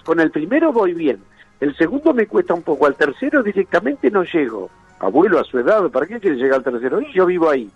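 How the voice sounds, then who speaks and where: Man, Rioplatense accent, rapid-fire jokes, lively swooping pitch, laughs at his own lines, radio broadcast with faint music. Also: breathy edge, muffled recording. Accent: Rioplatense Spanish. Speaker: joke teller on radio. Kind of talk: rapid-fire joke telling.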